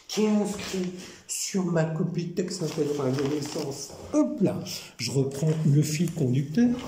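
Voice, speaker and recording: Man, rambling monologue, lively pitch, mellow tone, echoey room, faint hiss. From France. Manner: rambling, repetitive, animated. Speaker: vlogger. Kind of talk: casual monologue.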